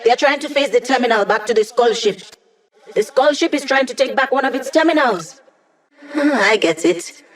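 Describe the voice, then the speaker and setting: A woman voices a young hacker from a video game, playful and wry. She talks in casual, teasing banter, like tech support for a crew of villains, at ease with the jargon and quick to needle her teammates. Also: mid-range voice, close to an everyday voice, low-quality recording. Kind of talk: video game character dialogue.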